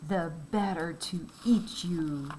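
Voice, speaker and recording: A woman reading aloud, voicing a hungry, sly male wolf in a storybook with a slow, gruff, pushy delivery. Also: on the high side, a little mellow, a little hiss or hum, rough recording. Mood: menacing.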